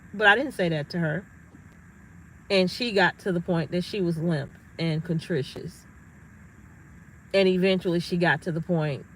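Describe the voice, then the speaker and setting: A middle-aged woman speaks straight to her viewers in an emphatic, storytelling manner. Her voice is bright and forceful, with a faint hiss of noise under it. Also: lowish voice, rough recording. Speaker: astrology vlogger. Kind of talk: casual monologue to viewers.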